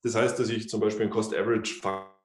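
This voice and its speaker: At a whiteboard in his office, a fiftyish financial advisor talks fast in a level, fairly low voice, with lots of fillers and false starts. The recording is echoey, captured by a distant mic.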